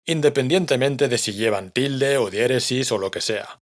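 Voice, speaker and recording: A man's voice: medium pitch, normal speed. A man, patiently explaining a language lesson to learners. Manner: patient, clear explanation, addresses learners directly. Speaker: language teacher.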